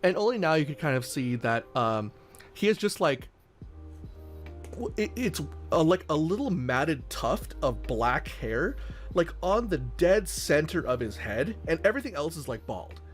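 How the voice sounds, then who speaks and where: A man narrating as game master in a tabletop game, rambling along with lots of ums and likes. His voice sits a little high for a man, with faint music behind him. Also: big pitch swings, unhurried.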